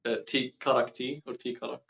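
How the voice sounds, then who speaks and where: A young man born and raised in the UAE, Palestinian, speaking casually as a guest over a video call, slangy and quick in bursts. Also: mid-range voice, level tone, gravelly, a bit bright, muffled recording.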